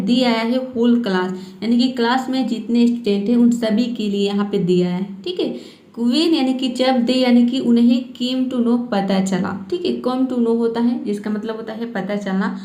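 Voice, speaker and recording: A woman teaching English in Hindi, reading English phrases slowly word by word and checking in often with the listener. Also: on the high side, darkish tone, roomy sound.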